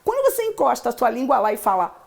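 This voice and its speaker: Eager high-voiced Brazilian woman teacher. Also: fast, creaky. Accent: Brazilian Portuguese. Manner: enthusiastic, animated storytelling with acted-out quotes. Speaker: English teacher guest. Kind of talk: casual podcast interview.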